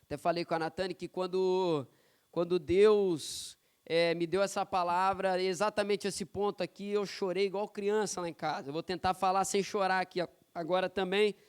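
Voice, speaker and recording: High-voiced, clear-toned male pastor. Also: steady tone, normal speed. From São Paulo, Brazil. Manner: conversational, personal storytelling with frequent tag questions. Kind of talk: sermon. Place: church sanctuary.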